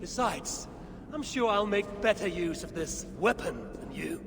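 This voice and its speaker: Eivor, brash husky Viking woman. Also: mid-range voice, expressive, measured pace. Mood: defiant. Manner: blunt, defiant. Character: brash, stubborn, proud female Viking warrior. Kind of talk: dramatic video game cutscene acting. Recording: echoing game scene with clear ambient noise.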